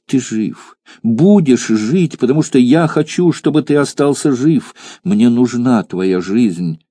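Man doing a young woman in love, desperate, high pleading voice, dry close sound. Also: lively intonation, takes it slowly, mellow, no room sound. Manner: pleading and breathless, emotional high pitch.

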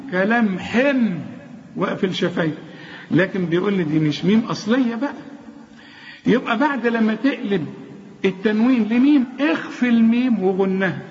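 A man with an Egyptian accent teaching Quran recitation rules. He asks quick rhetorical questions, then slowly chants example words. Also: high-pitched, darkish tone, big-room sound, dull audio. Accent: Egyptian Arabic. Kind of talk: tajweed lesson.

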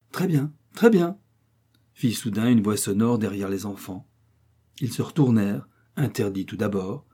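Man reading a novel out loud, mellow husky voice, measured storytelling. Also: fairly low pitch. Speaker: narrator. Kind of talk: audiobook reading.

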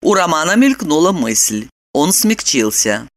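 A woman narrating an audiobook in an expressive storytelling manner. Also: sits low, a little slow. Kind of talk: scripted narration.

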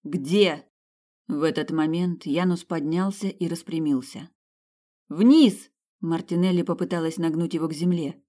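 Even, measured audiobook narrator. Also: mid-range voice. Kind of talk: scripted narration.

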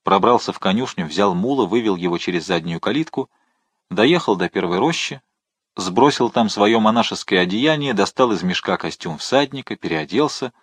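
A man narrating a novel in a steady, measured audiobook reading. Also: lowish voice, slightly rough, no echo. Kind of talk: scripted narration.

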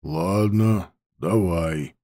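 A man's voice: very slow, dark tone, exaggerated voice. A male reader voicing a grim, irritable tracker who speaks in short, growling replies. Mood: gruff. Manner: terse, low and growling. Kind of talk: audiobook character voice.

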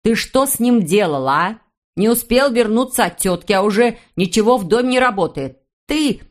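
A woman's voice: a little high, lively intonation, normal speed, close to an everyday voice. Woman doing a bossy middle-aged housekeeper, barks, snarky jabs. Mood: barking. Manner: barking, sarcastic.

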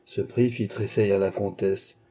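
A man narrating a classic novel in steady literary reading. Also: on the low side, unhurried. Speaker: audiobook reader.

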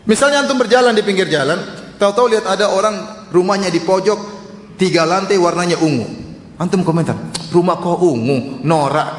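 A man's voice: high voice, fast. A man preaching a sermon in a conversational, teasing way, often throwing rhetorical questions to his listeners. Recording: echoey hall reverb.

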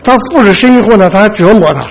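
Fast and expressive, with a voice that sits high, a man gives a sermon in a chatty, folksy style. He tells Bible stories, acts out what people said, and checks with the audience through frequent "对吧" asides.

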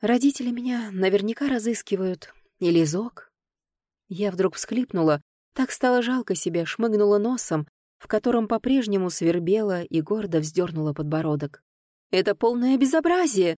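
A woman reading a first-person audiobook in a lively, expressive way. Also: medium pitch, moderate pace, dry recording, clean studio sound. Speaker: audiobook narrator.

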